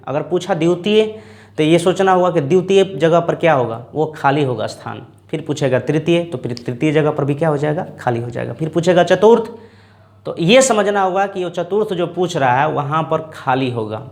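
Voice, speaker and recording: Man teaching a math lesson, slightly high. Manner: repeats terms slowly, checks in with "ठीक ना" and "दोस्तों".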